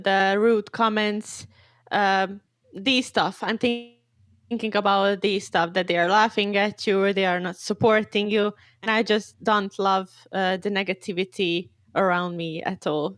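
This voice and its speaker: A woman's voice: mid-range voice, no room sound. A woman in her twenties from Serbia, a guest on a podcast, talking eagerly and chattily. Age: 20s. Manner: eager, chatty, laughs easily. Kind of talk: casual interview.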